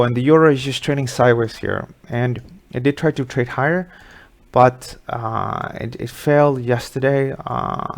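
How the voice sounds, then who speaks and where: A man's voice: mid-range voice, vocal fry. A middle-aged man from Sweden hosting a live market webinar, talking casually through charts with many fillers.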